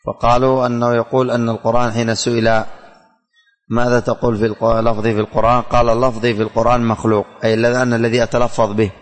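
Man teaching a class, slow and careful, dictating lines, flat voice, long echo like a big hall. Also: mid-range voice. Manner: slow and deliberate, repeating lines for students to write down; quizzes students with repeated questions. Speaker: religious teacher. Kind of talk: classroom lesson dictating and explaining verses. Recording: long hall reverb, faint music.

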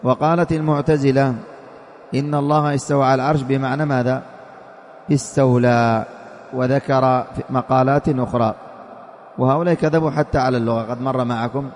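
A man's voice: medium pitch, a little mellow, in a large hall. A man teaching a religious class, reading from a classical text, explaining it, quizzing his students and repeating key points.

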